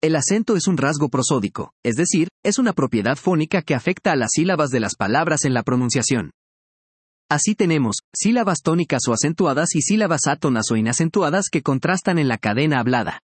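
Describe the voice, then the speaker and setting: A man reading a scripted language lesson in a measured, explanatory way, each word clearly pronounced. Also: a little high, lively intonation, no room sound. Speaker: language teacher. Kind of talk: scripted educational narration.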